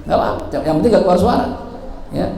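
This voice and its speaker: Male religious teacher, high voice, playful sermon style, recorded in an echoey prayer hall with faint room noise. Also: animated, quick pace, gravelly, mellow. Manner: playful, acts out examples, laughs often.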